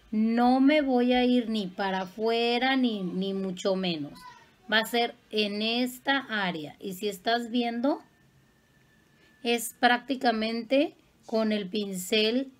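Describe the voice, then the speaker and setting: Slow, patient makeup artist woman. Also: fairly high pitch. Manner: patient, affectionate teaching tone. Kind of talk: step-by-step makeup tutorial.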